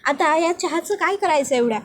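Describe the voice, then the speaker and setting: A gentle young bride from a family drama pleads and apologizes, read out by a woman narrator. The voice sits high and soft-spoken. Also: animated, fairly quick, a little hiss or hum. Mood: pleading.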